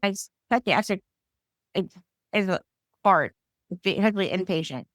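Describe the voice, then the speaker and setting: A woman's voice: mid-range voice, lively intonation, normal speed, a bit bright, no echo, clean studio sound. A woman hosting a counseling podcast, asking questions in a chatty, casual way full of "like" fillers. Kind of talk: casual interview conversation.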